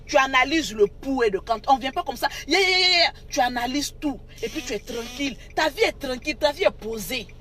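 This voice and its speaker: Woman, live-stream host, high voice, sharp tone, scolding, mocking, repetitive, phone mic. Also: lively intonation, brisk, few pauses, faint music behind. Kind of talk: unscripted live-stream rant.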